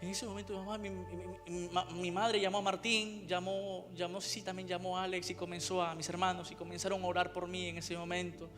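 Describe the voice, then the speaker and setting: Emotional high-voiced Spanish preacher. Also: male voice, level tone, a little fast, few pauses, fairly bright tone, big-room sound, faint music behind. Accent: Spain Spanish. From Spain. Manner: emotional, repeats phrases, reenacts his own cries. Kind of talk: sermon testimony. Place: church.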